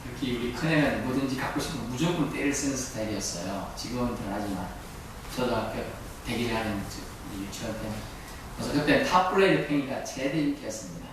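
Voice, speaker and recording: A man's voice: mid-range voice, fast. A middle-aged male pastor preaching a sermon, often asking the congregation questions and answering them himself. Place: church sanctuary. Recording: echoey church hall, distant mic, faint noise.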